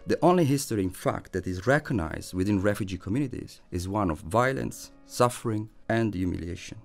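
Low-voiced man narrating over music. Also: lively intonation, brisk, gravelly. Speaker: presenter. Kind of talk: scripted narration. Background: faint music.

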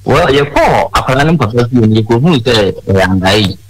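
A man's voice: medium pitch, expressive, moderate pace, background noise. Hesitant Ghanaian man caller. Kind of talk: phone-in call.

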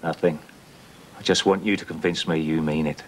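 An actor playing an uneasy man in a TV drama who backs up his partner, speaking quietly and warily. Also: extremely low pitch, fairly even intonation, a little fast. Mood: wary. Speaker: soap opera character. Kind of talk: broadcast TV drama acting. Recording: TV broadcast with clear background hum.

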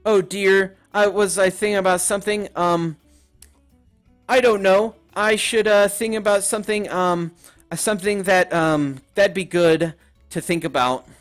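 A man voicing a timid, gentle female pony who speaks softly and stammers. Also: high voice, fairly even intonation, unhurried, soft background music, voice pushed up. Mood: flustered. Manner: soft, hesitant, stammering.

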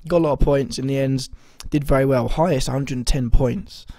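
Mellow, slightly hoarse young man. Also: medium pitch, a little fast, no room sound. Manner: rambling, hesitant, full of ums and self-corrections. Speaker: fantasy football vlogger. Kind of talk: casual video commentary.

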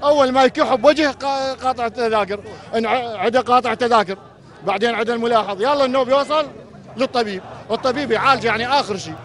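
A man's voice: extremely high pitch, fast, a bit bright, a faint crowd. A man with an Iraqi accent speaking outdoors at a street protest, voicing an aggrieved complaint as a hospital administrative worker. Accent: Iraqi Arabic.

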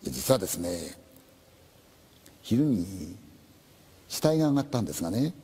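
A man voicing a hesitant, overly polite male police officer, speaking in a halting, hushed way. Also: on the low side, sing-song, slightly rough, voice pushed down, full character voice. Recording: long hall reverb.

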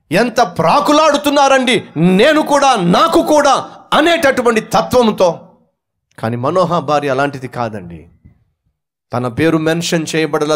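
A male pastor preaching a storytelling sermon, acting out the characters in his story. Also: fairly high pitch.

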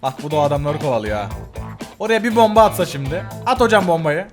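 A man's voice: a little high, big pitch swings, fast, music in the background. A man commenting casually on funny game clips as the channel host. He laughs often, exclaims and repeats himself. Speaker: gaming video host.

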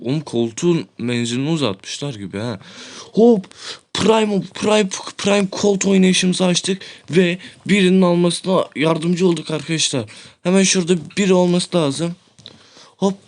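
A young man giving excited, loud gameplay commentary as a gaming YouTuber, swearing often and breaking into shouts. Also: high-pitched, unhurried.

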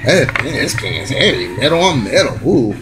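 A man with a Texan accent, a toy car collector, talking casually and excitedly to himself as he shows off his finds, with music playing behind him. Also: mid-range voice, normal speed, poor audio. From Texas. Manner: excited, rambling, talks to himself while handling toys. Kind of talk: casual unboxing vlog.

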